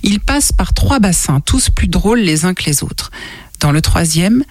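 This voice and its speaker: A woman reading a children's story aloud, clear and expressive. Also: on the low side, moderate pace, dry recording, studio quality. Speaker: storybook reader.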